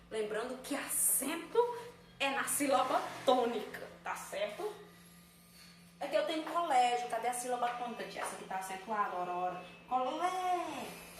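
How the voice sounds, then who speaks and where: A woman teacher with a Brazilian Portuguese accent, explaining a review lesson step by step and answering her own questions. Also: fairly high pitch. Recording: echoey room, faint ambient noise.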